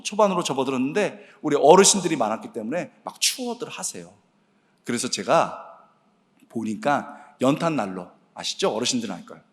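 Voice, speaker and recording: A middle-aged man preaching a sermon in a church sanctuary, telling a personal story in an animated, exclamatory way and often addressing the congregation directly. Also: medium pitch. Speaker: guest preacher and preaching professor. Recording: long church-hall reverb.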